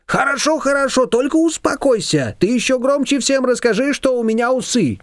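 A man's voice: very high-pitched, expressive, dry recording, studio quality, pitched above the performer's own voice. A man reading an audiobook voicing a gossipy, bargaining female confectioner. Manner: bargaining, chatty, drawn-out. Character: haggling middle-aged female confectioner, gossipy and sly.

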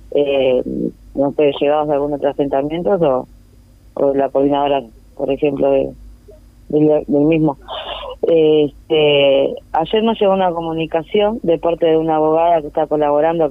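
A woman's voice: sits low, no room sound. A woman with a Uruguayan accent, speaking on the phone in an interview, hesitant with many fillers and restarts. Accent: Uruguayan Spanish. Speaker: neighborhood representative interviewed by phone. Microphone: telephone. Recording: tinny dry phone line.

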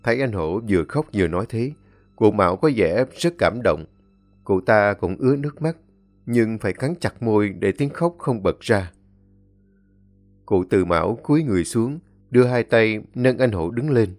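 A man narrating a scripted story in a measured, even way. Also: on the low side, soft background music.

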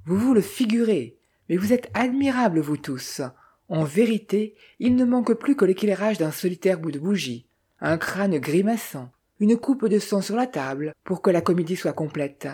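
A reader voicing a cultivated gentleman thief who talks with cool, scornful irony. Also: mid-range voice, animated, normal speed, breathy edge. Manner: sardonic, coolly ironic.

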